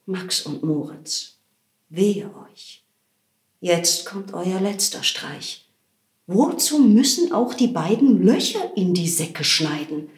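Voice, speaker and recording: An actress reading a children's verse story aloud in a playful way, dropping to hushed tones and jumping high for the characters, in a theatre props workshop. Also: female voice, big pitch swings, slow. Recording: roomy echo.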